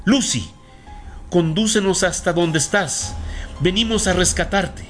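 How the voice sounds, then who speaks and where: Man doing an urgent, high-voiced woman psychic. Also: very animated, a little fast, fairly bright tone, faint music behind. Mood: intense.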